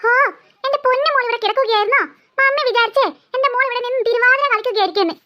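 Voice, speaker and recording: A woman's voice: very high voice, racing, muffled recording. A woman voicing a stern, sarcastic middle-aged mother in a cartoon, scolding her daughter. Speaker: cartoon voice actor. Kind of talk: cartoon dialogue acting.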